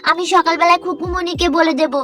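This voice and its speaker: Brief: pleading, tattling little sister doll, a woman voicing her, very high and whiny. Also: level tone, fast talker, sharp tone. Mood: insistent. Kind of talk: doll play voice acting.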